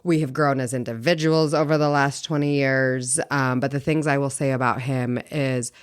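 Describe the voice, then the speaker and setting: A woman in her forties, co-hosting a podcast, telling animated stories with frequent laughter. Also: rumbling low, normal speed, smooth. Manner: animated storyteller, laughs often. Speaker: podcast co-host. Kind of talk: casual chat.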